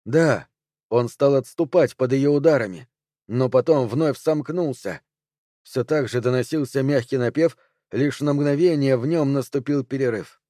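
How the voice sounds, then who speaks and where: A man reads a fantasy novel aloud in a measured, even storytelling manner. His tone is mellow and dark. The recording is dry and close, with no room around him. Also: mid-range voice, no echo. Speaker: audiobook narrator. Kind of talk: scripted narration.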